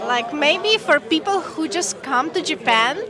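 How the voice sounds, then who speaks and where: High-voiced woman from Latvia. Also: expressive. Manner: halting, many fillers of "like". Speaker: interviewee. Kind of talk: street interview answer. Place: busy city street outdoors. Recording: noisy crowd around.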